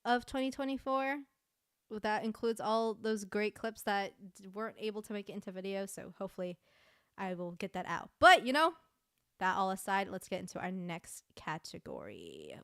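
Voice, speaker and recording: A woman's voice: mid-range voice, sing-song, a little slow. A woman streamer giving casual, chatty commentary at a year-end awards stream, laughing often.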